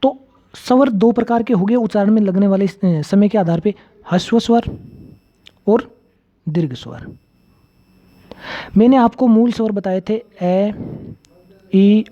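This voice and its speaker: Dark-voiced male grammar teacher, lo-fi. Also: high-pitched. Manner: repeats key terms, asks and answers his own questions. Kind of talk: exam-prep grammar lecture.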